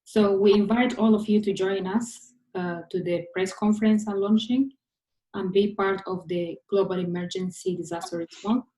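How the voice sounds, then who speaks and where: A woman's voice: medium pitch, moderate pace, creaky, warm tone. A woman hosting and moderating, giving a formal welcome address with frequent hesitant fillers. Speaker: host and moderator. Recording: roomy echo.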